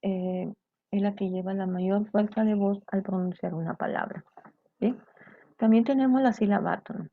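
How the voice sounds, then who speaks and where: A woman's voice: medium pitch, moderate pace. A woman teaching a grammar lesson to students, explaining step by step and often checking in with them. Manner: explanatory, checks in with "¿cierto?" and "¿bien?". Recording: dull lo-fi sound.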